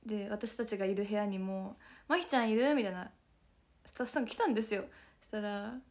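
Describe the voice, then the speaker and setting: Hoarse young woman chatting softly. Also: medium pitch, steady tone, fast. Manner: soft, chatty, often slips into a whisper. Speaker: idol group member streaming to fans. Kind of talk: casual livestream chat.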